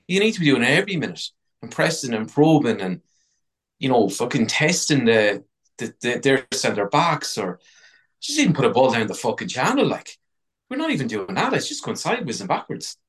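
A man's voice: medium pitch, very animated, a little fast, fairly bright tone. A man with an Irish accent in casual sports discussion, blunt, sweary and frustrated. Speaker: football podcast panellist.

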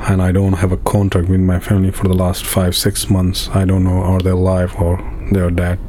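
Low, flat-voiced man. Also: slight background noise. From Afghanistan. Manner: halting, with many fillers and restarts. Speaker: interviewee, refugee in a camp. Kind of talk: personal testimony in an interview.

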